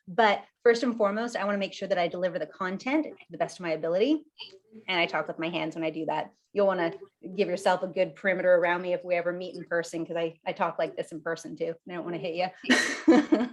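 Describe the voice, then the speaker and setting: A woman giving a live online workshop over a video call, talking in a lively, conversational way while standing. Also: medium pitch. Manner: lively and conversational, laughs often; talks while standing and gesturing. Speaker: workshop presenter.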